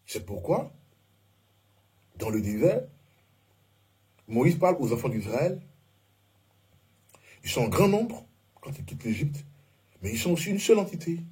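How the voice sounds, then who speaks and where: A man's voice: medium pitch, very animated, measured pace, pauses often, warm tone, husky. A man giving an informal Bible and Hebrew lesson over slides, who often hesitates and keeps checking in with his listeners. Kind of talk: informal teaching talk with slides.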